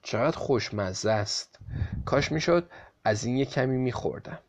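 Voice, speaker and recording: A greedy peasant wife who talks herself into mischief, musing slyly aloud, as a male storyteller voices her. Her voice is at a middling pitch. The sound is slightly muffled and lo-fi. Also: expressive, lightly acted. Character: greedy peasant wife, sly and self-justifying.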